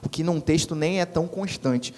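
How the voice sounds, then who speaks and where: A man's voice: fairly high pitch, normal speed, darkish tone. Brazilian man teaching in a reverberant room. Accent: Brazilian Portuguese. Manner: casual, checks in with students often. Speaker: Spanish teacher. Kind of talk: recorded online class.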